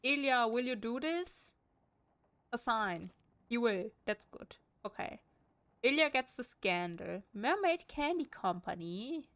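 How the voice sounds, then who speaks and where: A woman's voice: on the high side, expressive, takes it slowly, a bit bright, no echo. A woman with a German accent streaming a game at home, reading in-game text aloud with wry, chatty asides.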